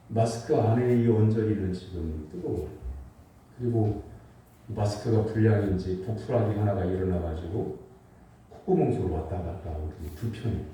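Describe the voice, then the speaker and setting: A man's voice: sits low, dark tone, slight background noise. A male senior pastor giving a Sunday sermon through a face mask, telling stories and asking the congregation questions. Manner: storytelling preacher with rhetorical questions to the congregation. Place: large church sanctuary. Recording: echoey hall, from a distance.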